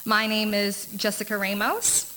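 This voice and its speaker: A young woman from Brazil, a student presenter reading a prepared group presentation in a steady, careful way. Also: medium pitch, measured pace, a little hiss or hum, poor audio.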